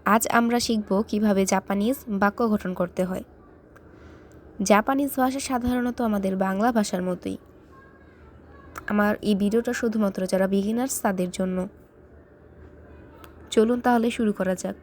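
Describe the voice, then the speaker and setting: Slow, deliberate woman teacher. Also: medium pitch, steady tone, slight background noise. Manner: slow and deliberate, repeating phrases for learners to copy. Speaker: language teacher. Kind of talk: slow beginner language lesson.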